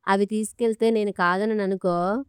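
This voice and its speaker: A woman's voice: medium pitch, fairly even intonation, measured pace, clear, resonant tone, no echo, clean studio sound, lightly acted. A woman reading an audiobook story, voicing a stern, commanding older father-in-law. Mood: firm. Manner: commanding, blunt.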